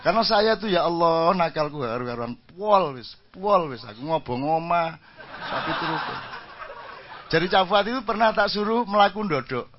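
A man's voice: on the high side, moderate pace, a little hiss or hum. Jokey man, lo-fi recording. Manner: jokey, animated, laughs often, mixes in Javanese phrases. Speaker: speaker addressing an audience. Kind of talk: storytelling talk with humor. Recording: dull lo-fi recording.

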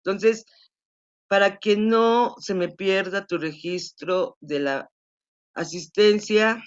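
A woman teacher patiently explaining class rules to students during an online class, repeating points to make them clear. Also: mid-range voice, takes it slowly. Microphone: video call. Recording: dull lo-fi video call audio.

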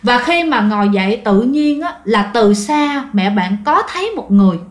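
A woman's voice: fairly high pitch, expressive, normal speed, echoey room. A woman narrating ghost stories in a casual, chatty way, often turning to talk to her listeners directly. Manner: chatty, addresses listeners directly, many fillers. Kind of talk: casual spoken storytelling.

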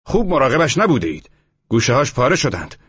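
A man reading an audiobook, voicing a brusque, suspicious police chief who shouts and hectors. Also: medium pitch, very animated, slightly rough, dry recording, voice pushed up, heavily acted. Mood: interrogating. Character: loud, brusque middle-aged male police chief. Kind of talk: audiobook character voice. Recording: muffled lo-fi audio.

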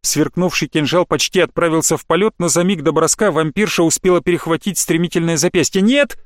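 A man's voice: a little high, steady tone, fast, no room sound, clean studio sound. Man narrating a fantasy audiobook.

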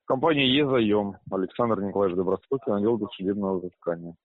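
A man with a creaky voice making a debt collection call, curt, pressing and officious. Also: on the low side, quick pace, no echo. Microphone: telephone. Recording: muffled narrowband phone line.

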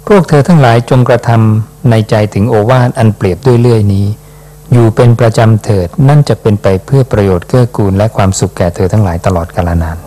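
The speaker is a Buddhist monk whose voice is fairly low. He reads passages of scripture aloud and explains them unhurriedly, finishing phrases with a soft questioning particle.

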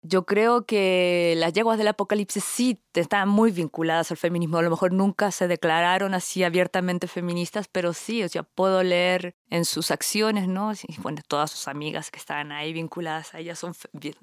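A woman from Chile, a guest on an interview podcast, talking thoughtfully with frequent pauses and tag questions. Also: on the low side, fairly even intonation, smooth, no room sound, clean studio sound. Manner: thoughtful, pauses often and tags phrases with questions. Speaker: guest artist and researcher.

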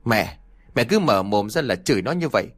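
A man's voice: fairly low pitch, big pitch swings, brisk. A man voicing a cowardly young village man who pleads and argues with his parents. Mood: defiant. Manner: whiny, pleading.

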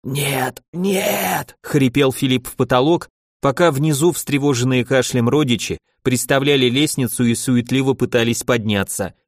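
A man reads a fantasy novel aloud as audiobook narration, lifting his pitch for the characters' lines. His voice sits at an ordinary middle pitch. The recording is dry and close, with no room sound. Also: moderate pace, no echo.

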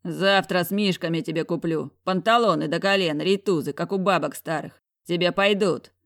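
A woman's voice: on the low side, normal speed, natural voice. A brash, mocking man of great size and money, coarse and bossy in every word, voiced by a woman. He talks down with cocky humor, pushing his way through each scene of an audiobook. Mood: bossy teasing. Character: huge mocking billionaire boss, brash man. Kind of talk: audiobook character voicing.

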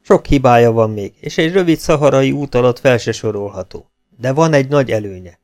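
A man's voice: medium pitch, darkish tone, lightly acted. A man reading an audiobook, voicing a brash, cheerful male legion captain who lectures his comrades bluntly. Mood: frank.

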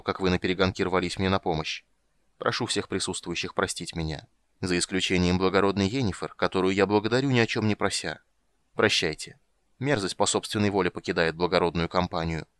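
A man's voice: low voice, a bit bright, no room sound, clean studio sound. A man reading the lines of a bitter, mocking male witcher in a storybook reading.

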